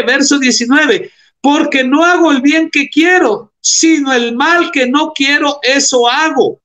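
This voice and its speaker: A man with a very high-pitched, sharp voice delivers a sermon, reading scripture and explaining it. Calling his congregation brothers, he puts rhetorical questions to them.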